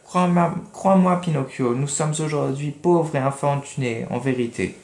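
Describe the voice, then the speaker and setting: A man's voice: fairly high pitch, normal speed, a little mellow, reverberant, voice pushed up, lightly acted. A man putting on a whining fox beggar. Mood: pleading. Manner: whining, tearful. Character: sly, pleading male fox beggar.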